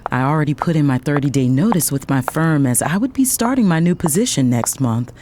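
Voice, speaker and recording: Narrating and acting in first person, a woman plays a proud, composed young lawyer and elder sister in an audio drama, with deliberate expression. Her voice sits low and expressive, and her mood is reflective. There's background noise in the clip.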